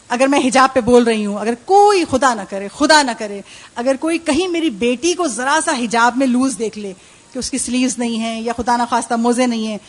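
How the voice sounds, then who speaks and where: A woman delivering a religious sermon at a Muharram majlis, preaching with rhetorical questions and acted-out quotes. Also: fairly high pitch.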